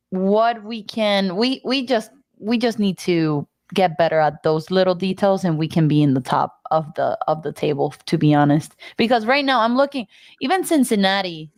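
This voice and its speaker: A woman's voice: mid-range voice, no room sound. A woman co-hosting a soccer fan show, talking casually, thinking aloud and unsure, often restarting her sentences. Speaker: podcast co-host. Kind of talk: casual sports talk.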